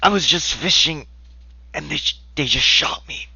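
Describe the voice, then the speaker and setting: A man voicing a very old man, a frail, polite, wounded fisherman who speaks haltingly and pleadingly. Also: fairly high pitch, animated, creaky, bright, forceful tone, husky, no room sound, muffled recording, pitched above the performer's own voice, full character voice. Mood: pained, pleading.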